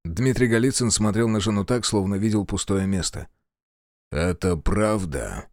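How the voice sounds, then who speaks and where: A man narrating a fantasy audiobook in the first person with a dramatic, expressive reading. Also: fairly low pitch, a little fast, dry recording, studio quality.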